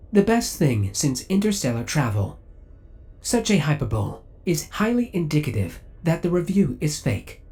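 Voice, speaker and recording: A man with a mellow, medium-pitched voice plays a spaceship AI in an ASMR audio roleplay. The character is male, possessive, and coolly obsessive, and he speaks with formal, precise, robotic politeness.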